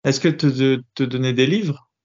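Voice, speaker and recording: Mellow-voiced podcast host asking questions. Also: mid-range voice, moderate pace, highs cut off. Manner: probing follow-up questions. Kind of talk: casual conversational interview.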